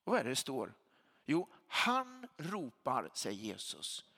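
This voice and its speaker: Lively-voiced man preaching in a reverberant hall. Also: mid-range voice. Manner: emphatic preacher, repeats phrases for weight. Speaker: pastor. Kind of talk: sermon.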